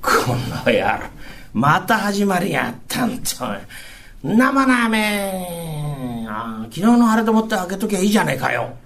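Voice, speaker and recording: A male rakugo storyteller playing a gruff, hard-drinking Edo fishmonger husband, with old speech. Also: sits high, big pitch swings, unhurried, fairly bright tone, slight background noise, exaggerated voice. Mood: grumpy. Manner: gruff, boisterous, blustering.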